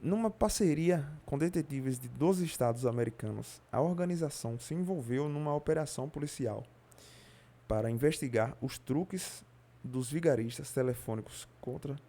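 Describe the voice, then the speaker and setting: A man with a Brazilian Portuguese accent reading a nonfiction audiobook aloud in a steady way, now and then slipping on a word and correcting himself. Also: medium pitch, normal speed. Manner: steady reading with occasional slips and self-corrections. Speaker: audiobook reader.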